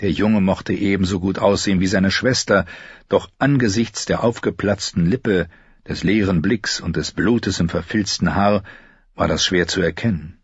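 A man narrating an audiobook in an even, measured storytelling manner. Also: deep voice, husky, no room sound. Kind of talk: scripted narration. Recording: dry, dull studio recording.

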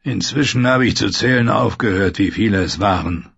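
Brutal scarred warrior, low husky growl, read by a male narrator, dull dry sound. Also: normal speed, a bit bright, no room sound, full character voice. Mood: menacing. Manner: gruff, scornful, growling. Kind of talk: audiobook character voice.

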